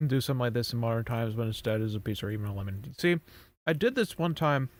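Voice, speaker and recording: A man's voice: mid-range voice, lively intonation, fast talker. A man streaming, chatting casually and rambling as he reacts to videos, swearing a lot.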